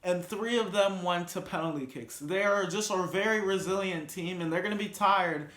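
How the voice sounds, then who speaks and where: A man's voice: sits high, normal speed, fairly bright tone. A man hosting a casual vlog, rambling through sports and reality-show talk with frequent restarts. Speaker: vlog host. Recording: roomy echo.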